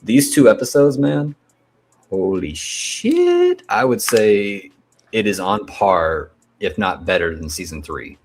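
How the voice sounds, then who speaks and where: A man's voice: on the low side, measured pace, faint music behind. A man in casual chat, blunt and opinionated, swearing freely as he rants about shows. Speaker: co-host.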